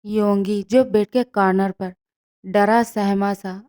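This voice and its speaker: A woman narrating a fan fiction story in a steady storytelling manner. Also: medium pitch, takes it slowly.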